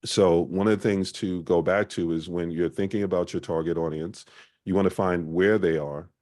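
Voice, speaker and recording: A man presenting a small-business marketing workshop in a conversational way, often pausing on "uh". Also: sits low, steady tone, darkish tone. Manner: conversational, frequent "uh" fillers.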